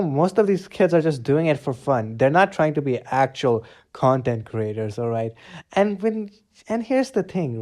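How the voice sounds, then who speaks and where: A man's voice: a little high, warm tone. A man with a non-American accent ranting bluntly and profanely while reacting to his own old videos. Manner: profane, blunt ranting with filler "all right?". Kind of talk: casual ranting commentary.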